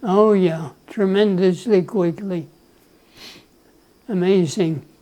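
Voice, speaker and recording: A man in his nineties from El Salvador, whose first language is Spanish, telling his life story to his grandchild in an unhurried way, often clearing his throat and chuckling. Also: sits high, steady tone, mellow, rough recording. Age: 90s. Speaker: grandfather being interviewed. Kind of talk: relaxed life-story interview.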